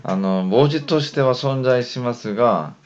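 A man's voice: mid-range voice, a little slow, highs cut off. A man whose first language is Korean, patiently giving a pronunciation lesson and modelling syllables one by one. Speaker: language teacher.

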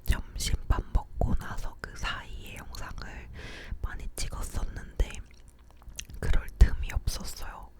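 A young woman whispering a casual ASMR chat, leaning in very close to the microphone with soft, unhurried murmuring. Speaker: ASMR video creator. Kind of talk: whispered ASMR chat about daily life. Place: living room at home. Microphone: close to the mouth, ear-to-ear.

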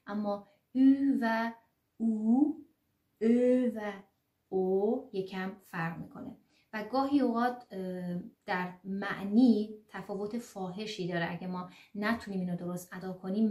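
Female language teacher, mid-pitched, patient and explanatory, many fillers, echoey room. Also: a little mellow. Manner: explanatory, repeats sounds slowly with many fillers. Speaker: German teacher. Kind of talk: online language lesson.

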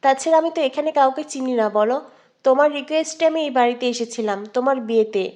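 A quiet, hurt young woman, read by a woman narrator. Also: sits high, fast talker, lightly acted. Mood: subdued. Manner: quiet, subdued, clipped.

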